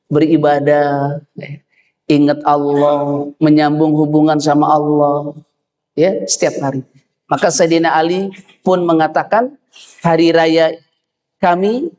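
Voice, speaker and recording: Brief: male preacher, animated sermon delivery, slightly high voice, long hall echo. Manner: animated, leaps high when quoting and acting out figures.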